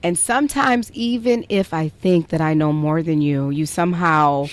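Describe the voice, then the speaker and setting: Speaking in a deep voice at a moderate pace, a young woman podcast host chats playfully while telling a story. Her casual talk is full of "like".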